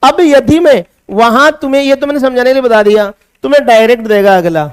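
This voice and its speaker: Heard in a studio-quality recording with no echo, this Hindi-accented male chemistry teacher speaks briskly in a very high-pitched, clear, resonant voice. His classroom lecture mixes English science terms into Hindi, and he poses questions to the students that he then answers himself.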